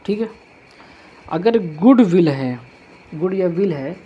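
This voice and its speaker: A man's voice: high voice, lively intonation, slow pace, warm tone, slightly rough. A male teacher giving a classroom grammar lesson, patiently repeating each point as he writes it out on a board.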